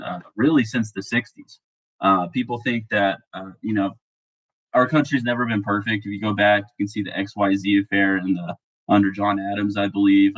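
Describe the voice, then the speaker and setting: A man who is sick, talking a bit monotone in a rambling, casual monologue full of fillers and restarts. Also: fairly low pitch, highs cut off. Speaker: political commentary vlogger.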